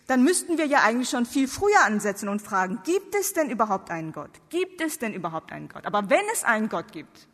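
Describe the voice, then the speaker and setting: A woman whose native tongue isn't German, and who is from outside Germany, delivers a theological sermon in German to a seated crowd in a large hall with long reverb. Her fairly high, fairly bright voice has a slight roughness, and she presses her points with emphatic rhetorical questions.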